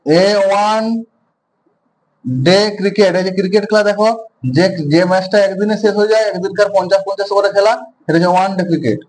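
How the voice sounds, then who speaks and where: High-voiced man teaching grammar. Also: steady tone, racing, darkish tone, slight background noise, poor audio. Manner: repeats questions and answers them himself. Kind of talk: classroom lesson explanation.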